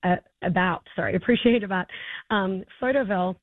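Her enthusiasm comes through as a festival co-founder, a woman in her forties with an Australian accent, answers an interviewer with many fillers and restarts. She speaks fairly quickly in a hoarse, medium-pitched voice. The recording is a dry, tinny phone line.

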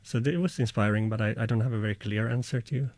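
A man from Finland, an artist answering slowly and reflectively, searching for words. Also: medium pitch, steady tone, a little mellow, no echo. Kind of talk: interview answers.

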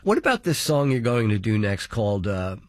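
A man's voice: lowish voice, big pitch swings, fairly quick, dry recording, clean studio sound. A man hosting a radio show, interviewing a guest with curious questions. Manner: curious, inquiring.

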